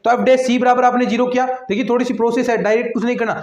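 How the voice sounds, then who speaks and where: High-voiced maths teacher, echoey. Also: male voice, fairly even intonation, racing, a little mellow. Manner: repetitive step-by-step explaining, addressing students directly. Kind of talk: online exam-prep lecture. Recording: echoey room, dull lo-fi sound.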